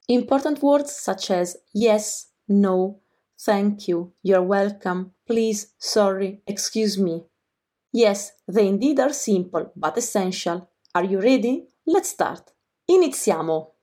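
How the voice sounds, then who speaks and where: A woman hosting a podcast language lesson, pronouncing each word slowly and carefully. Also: medium pitch, dark tone. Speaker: Italian teacher and podcast host.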